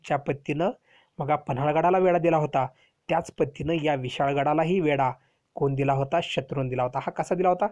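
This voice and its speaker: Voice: mid-range voice, a little fast, a little mellow. A teacher telling a history lesson to children, explaining step by step and asking rhetorical questions.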